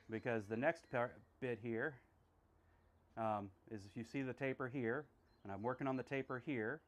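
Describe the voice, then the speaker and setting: A man talking casually while he works at a forge, chatty and self-deprecating, thinking aloud with many ums and uhs. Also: medium pitch. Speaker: blacksmith streamer. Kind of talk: casual talk while working. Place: blacksmith workshop.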